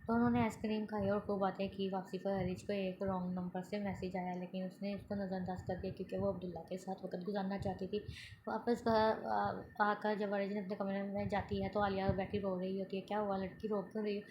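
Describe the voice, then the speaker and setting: Female narrator, reads a novel aloud, monotone, stumbles and restarts often. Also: mid-range voice, brisk, lo-fi sound, noisy background. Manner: steady reading with frequent slips and restarts. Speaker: novel reader. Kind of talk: reading a romance novel aloud.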